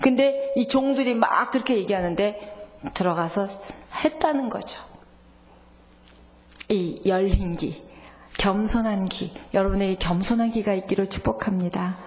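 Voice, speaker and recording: A woman pastor preaching a sermon, lively, acting out God's voice and dropping to whispers for emphasis. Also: medium pitch, moderate pace, slight background noise. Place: church sanctuary.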